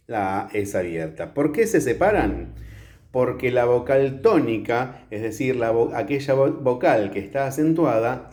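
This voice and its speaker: A man teaches a grammar lesson in a classroom, filmed by a camera across the room. His voice sits at a middle pitch but moves up and down with a lot of life. He explains each step patiently and keeps checking that the class is following. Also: a little mellow. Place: classroom with a whiteboard.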